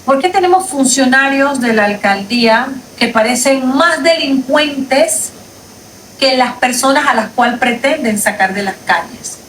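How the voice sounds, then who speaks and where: A woman with a fairly high voice delivers an emphatic, indignant livestream statement, hammering her points again and again. The sound is roomy and set back from the mic, with faint noise behind her. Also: animated, unhurried, a bit bright. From Panama. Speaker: lawyer. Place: outdoors at night on a street. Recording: echoey, distant from the mic, faint background noise.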